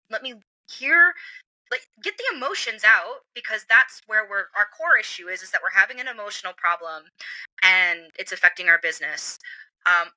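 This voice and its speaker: A woman's voice: mid-range voice, no echo, low-quality recording. A woman guest in a casual interview, telling work stories with many fillers and acting out quoted voices. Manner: animated storyteller, acts out quoted voices; frequent "like" and "um" fillers. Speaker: comics industry guest.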